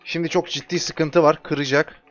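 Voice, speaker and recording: A man giving casual gameplay commentary, taunting his enemies and calling them over excitedly. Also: a little high, normal speed. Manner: trash-talks enemies, excitable, calls them over with repeated shouts. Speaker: gamer streaming his play. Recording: dull lo-fi mic with music behind.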